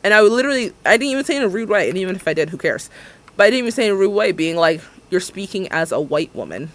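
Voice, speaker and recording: Speaking very fast in a slightly higher register, a man in his twenties vents on stream as he builds in a game. His animated, sarcastic rant keeps dropping into mocking impressions of what others said.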